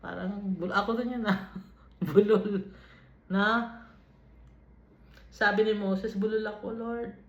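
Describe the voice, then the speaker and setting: A Filipino woman teaches scripture at a deliberate, slow pace, reading each verse and then unpacking it in her own words. The recording is dull and lo-fi, and her voice rings around an echoey room. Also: medium pitch, steady tone, a bit bright. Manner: unhurried, mixes English and Tagalog, reads scripture aloud then paraphrases. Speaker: Bible teacher.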